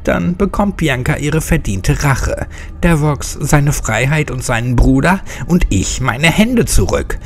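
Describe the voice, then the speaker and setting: A man's voice: on the high side, sing-song, normal speed, darkish tone, pitched above the performer's own voice. A man voicing a tough young woman who speaks firmly and with a combative edge. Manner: firm, combative. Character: tough, brash young woman, calm leader.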